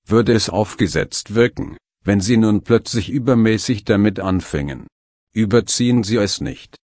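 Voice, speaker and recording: A man narrating a scripted instructional guide in a calm, measured way. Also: fairly low pitch, dry recording, clean studio sound. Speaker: hypnosis instructor.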